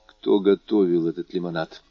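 A man voicing a grave, composed male doctor who speaks in a measured, low, sometimes hushed way. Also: steady tone, no echo, soft background music. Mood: urgent. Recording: dull dry lo-fi recording.

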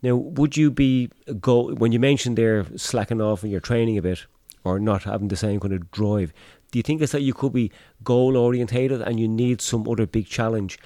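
A man's voice: medium pitch, normal speed, hardly any pauses, mellow, dry recording, studio quality. A man interviewing in a casual, chatty way, with tentative, rambling phrasing.

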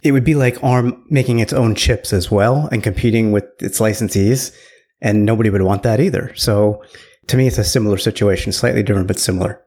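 A man co-hosting a tech podcast, chatty and sarcastic in casual talk, quick to laugh. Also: on the low side, darkish tone. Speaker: podcast co-host.

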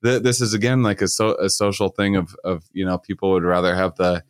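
A man hosting a casual conversation, talking haltingly with many repeated words and fillers. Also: low-pitched, flat delivery, dry recording, clean studio sound.

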